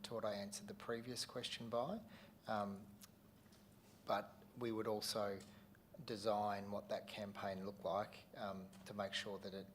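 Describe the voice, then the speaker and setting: An Australian man with a lowish voice, the council's chief executive, answers councillors cautiously and hedges with frequent fillers. Faint room noise sits behind him in the chamber. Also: little pitch movement, measured pace. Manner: careful, hedged, many fillers. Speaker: council CEO answering questions. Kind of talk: formal official answer.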